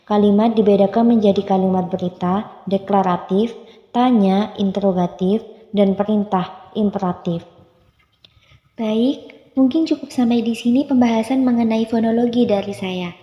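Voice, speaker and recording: A young woman student reading a phonology lesson aloud, going slowly through examples letter by letter. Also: mid-range voice. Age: young adult. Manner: reads steadily, slowing to list letters one by one. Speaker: university student presenting. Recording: dull lo-fi sound with long room echo.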